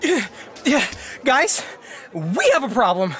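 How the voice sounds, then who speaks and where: An actor playing a sheepish, anxious helper in a comic fantasy audio drama, casual and hesitant. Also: male voice, very high voice, sing-song, slow, background noise, exaggerated voice.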